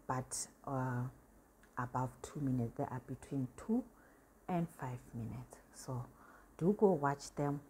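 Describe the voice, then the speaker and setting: Low, mellow-voiced woman vlogger. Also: a little hiss or hum. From South Africa. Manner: chatty and encouraging. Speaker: cleaning vlogger. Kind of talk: casual voice-over commentary.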